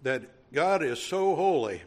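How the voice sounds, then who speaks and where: A man with a Cajun accent preaching a sermon, teaching in a measured way and driving points home through repetition. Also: a little high, lively intonation, darkish tone. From Louisiana.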